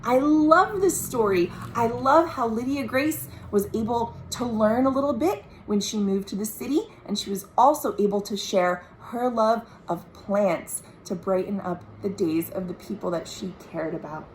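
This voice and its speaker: Reading at home, an American librarian shares a picture book with young children, adding simple and expressive commentary as at storytime. She speaks in a slightly high voice at a moderate pace with few pauses, on a low-quality recording with some hiss or hum.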